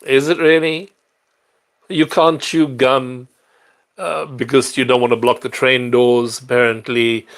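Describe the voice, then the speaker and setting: Streaming live from a big-city apartment, a middle-aged man from South Africa talks casually and takes questions from viewers, wandering with fillers and restarts. His voice is medium in pitch with a fairly bright tone.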